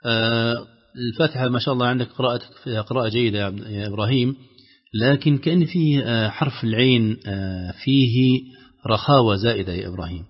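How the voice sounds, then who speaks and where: A man teaching Quran recitation, correcting callers and chanting the passages slowly to show them. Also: mid-range voice. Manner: patient, demonstrates by chanting slowly. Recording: dull lo-fi broadcast with long reverb.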